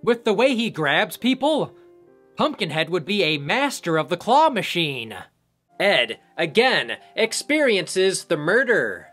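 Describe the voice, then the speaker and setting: Reviewer, man, sarcastic recap narration, lively pitch, faint music. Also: measured pace. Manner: sarcastic, joking asides. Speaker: movie reviewer. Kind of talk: comedic film recap narration.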